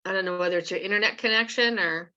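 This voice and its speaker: A woman taking part in an online class, heard over a video call, talking in a casual, halting way. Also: mid-range voice, pushed and bright, clear, resonant tone, muffled recording. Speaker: course participant.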